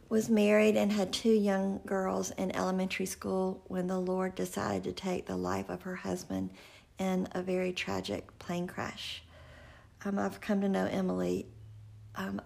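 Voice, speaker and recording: A middle-aged woman preaching a sermon and telling a personal story earnestly, slowing down and dropping to a whisper for emphasis. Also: medium pitch, gravelly, darkish tone, breathy edge.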